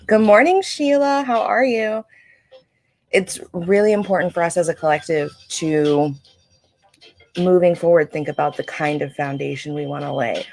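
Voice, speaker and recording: A woman with a low-sitting voice reads oracle cards on her livestream, talking with viewers in a relaxed, reflective manner. Her throat is scratchy, and she has to clear it.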